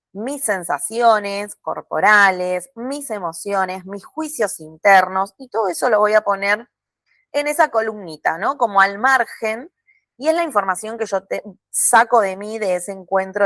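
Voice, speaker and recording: A woman, pitched in a middle range, walks her students through a method step by step. She speaks calmly, pausing to check in with short tag questions. The sound is dry and close, with no room around it. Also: no echo. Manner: calm, explanatory, checks in with frequent tag questions. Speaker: course instructor. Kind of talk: recorded video lesson.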